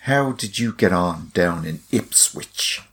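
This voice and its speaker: A man's voice: deep voice, animated, slow pace, fairly bright tone, husky. A man co-hosting a casual chat, teasing his partner in a dry, playful way. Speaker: co-host.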